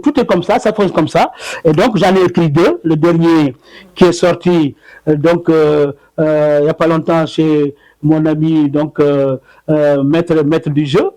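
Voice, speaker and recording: A man with a fairly high voice answers interview questions about his poetry. He hesitates a lot, repeats words and fills pauses. His delivery is conversational and explanatory. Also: a little mellow, low-quality recording. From Senegal. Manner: hesitant, many fillers and repeated words, counts syllables aloud. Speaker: poet, interview guest.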